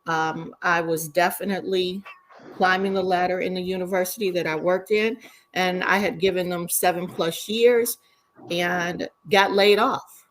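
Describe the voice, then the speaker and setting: A middle-aged woman with a fairly low voice talks to an online panel about her field. She speaks conversationally and often pauses on an um. A faint hiss sits under her voice. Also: fairly even intonation, poor audio. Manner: warm, conversational with frequent ums. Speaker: panelist, educator.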